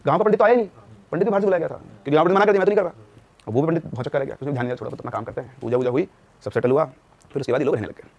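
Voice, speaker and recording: A man's voice: fairly high pitch, rapid-fire, creaky, lo-fi sound. A young man telling a ghost story as a podcast guest, acting out the quoted dialogue in changing voices. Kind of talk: animated storytelling.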